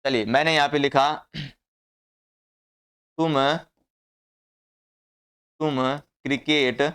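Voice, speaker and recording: A man's voice: mid-range voice, steady tone, takes it slowly, a bit bright, smooth. A man teaching an English grammar class, often asking the class questions and answering them himself.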